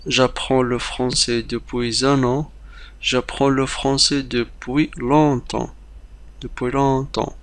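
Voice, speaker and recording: In a beginner language lesson, a man explains things briskly, sometimes hesitating, and slows down to repeat example phrases like drills. He speaks at medium pitch with little variation, and there's no echo.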